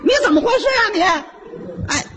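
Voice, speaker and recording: A man with a Beijing accent voicing a flustered, fat middle-aged uncle who shouts and stammers as he chases his stolen bike. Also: very high-pitched, animated, a little fast, noisy background, pitched above the performer's own voice. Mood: indignant.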